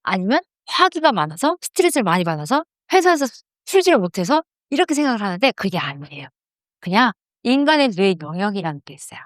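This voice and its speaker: A woman's voice: mid-range voice, dry recording, studio quality. A woman teaching a class on anger and meditation to a live group, asking questions and then guiding them with eyes closed. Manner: asks the audience questions and answers them. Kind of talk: lecture leading into guided meditation. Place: room with a live audience.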